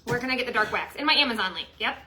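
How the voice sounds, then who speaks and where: This craft livestream host chats away at home in her workroom, ribbing her husband and laughing as she crafts. Her speech is very fast and animated, slightly high and sharp, captured in low quality with a bit of hiss or hum.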